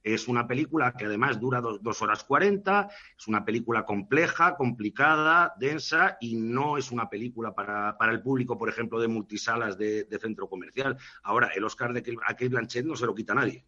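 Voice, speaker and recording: A man's voice: mid-range voice, fairly quick, bright, forceful tone. A man with an accent from Spain giving an emphatic, conversational radio film review, piling up adjectives. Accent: Spanish from Spain. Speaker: film critic. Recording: dull, muffled sound.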